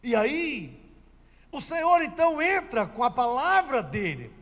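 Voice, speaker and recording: High-voiced man preaching in reverberant hall. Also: big pitch swings, unhurried, a bit bright. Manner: emphatic storytelling, repeats key phrases. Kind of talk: sermon.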